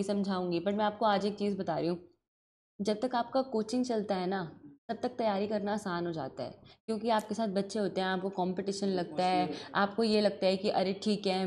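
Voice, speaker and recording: A woman's voice: medium pitch, a little mellow, a little hiss or hum. A woman law teacher, talking earnestly to her class and mixing Hindi with English, stern but caring. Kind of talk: classroom talk to students.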